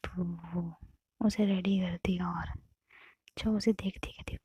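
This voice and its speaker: A woman narrating a love story in a relaxed, casual way, her voice mellow and a touch breathy. She often sinks into a near whisper. The sound is close and completely dry. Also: fairly low pitch, takes it slowly, no room sound. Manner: often drops to a soft whisper.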